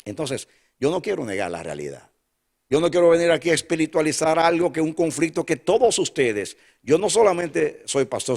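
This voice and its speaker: An older man preaching a sermon as a pastor, emphatic and repetitive, dropping now and then into soft asides. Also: fairly high pitch.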